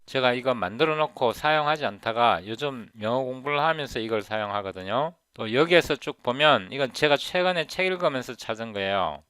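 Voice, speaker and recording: A man in his fifties explaining English pronunciation in a casual tutorial, repeating words slowly to show how they sound. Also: medium pitch, expressive, bright, forceful tone, clean tone, no room sound. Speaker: software developer teaching English pronunciation. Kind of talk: casual screen-recorded tutorial.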